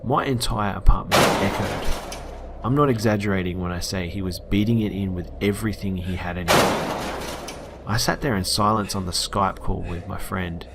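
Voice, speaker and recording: A man's voice: low voice, moderate pace, gravelly, very noisy. A man narrating a horror story in a casual, blunt way, with occasional swearing.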